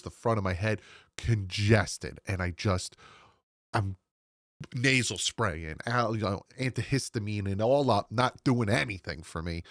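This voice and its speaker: His voice on the low side, a thirtysomething sports channel host chats to viewers from a home room, sounding stuffed-up and nasal from a cold. He rambles through casual solo commentary with quick asides, recorded on a desk microphone at studio quality without echo.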